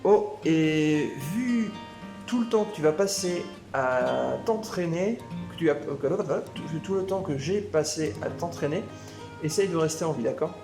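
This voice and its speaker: A man's voice: fairly high pitch, animated, a little slow, reverberant, over music. A man reading aloud the lines of a friendly male alien villager mentor in a video game. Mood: encouraging. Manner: reads game dialogue aloud.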